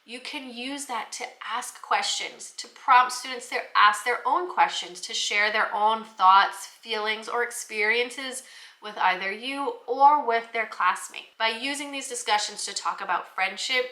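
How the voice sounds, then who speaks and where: Presenting classroom book recommendations, a female educator explains things in a relaxed, instructional style. She speaks a little slowly, with a slightly high, sharp-toned voice, and the recording is reverberant.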